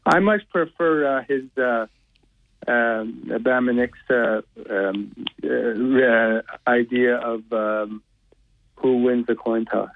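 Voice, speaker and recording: Gravelly male caller on a phone line. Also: medium pitch, fairly even intonation, slow pace. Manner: hesitant, full of fillers and restarts. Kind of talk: call-in talk radio.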